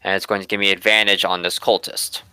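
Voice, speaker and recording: A man's voice: low voice, level tone, fast talker, sharp tone, smooth, dry recording, faint music behind. A man talking casually through his moves as a player in a tabletop game.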